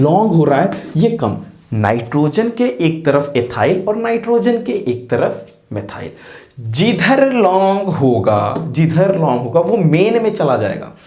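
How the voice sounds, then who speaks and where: A man's voice: on the high side, mellow. A man teaching chemistry in a chatty, playful way, asking his students questions and answering for them in their voice. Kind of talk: chatty classroom explanation. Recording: roomy echo.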